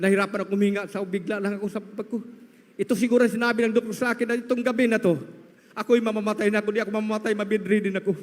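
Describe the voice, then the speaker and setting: A man with a strikingly high voice tells his testimony to a congregation. He speaks as a storyteller and keeps calling his listeners beloved. His voice rings out with a long reverb from a large hall. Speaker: church member giving testimony.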